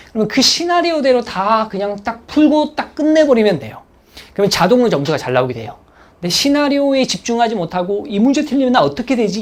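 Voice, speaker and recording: A man lecturing as an exam prep instructor, keeps checking in with his listeners. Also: sits high. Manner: animated, checks in with listeners, acts out students' thoughts.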